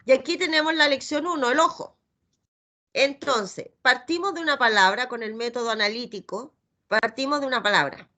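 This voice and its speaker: A middle-aged Chilean woman teaches reading in a bright, slightly high voice. She takes her time, sounding out each letter and syllable with patient care. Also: normal speed. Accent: Chilean Spanish.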